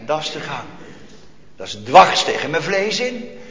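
A man preaching a sermon with fervor, swinging between loud outbursts and hushed passages. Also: on the high side, sing-song, a little slow. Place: church. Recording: echoey church hall, dull lo-fi.

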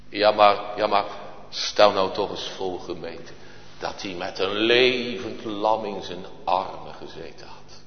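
A man preaching a sermon in solemn, archaic churchly phrasing, rising at times to impassioned cries. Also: sits low. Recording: lo-fi, echoey church hall recording.

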